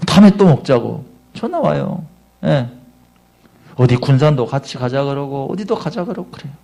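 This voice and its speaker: A man's voice: mid-range voice, sing-song, moderate pace, creaky, mellow. A middle-aged male pastor preaching a Sunday sermon at a church service, asking his congregation questions directly.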